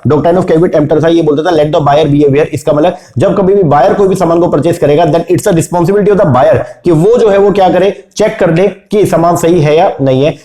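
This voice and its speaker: A man's voice: mellow, echoey room. Man lecturing with self-answered questions. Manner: rhetorical questions answered by himself, drops pitch on key words. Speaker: commerce exam teacher. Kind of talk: exam revision lecture.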